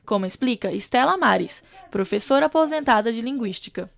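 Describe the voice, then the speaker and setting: A student reporter with a Brazilian Portuguese accent reads a scripted news voice-over, keeping it measured and clear. Her voice sits on the high side and sounds animated.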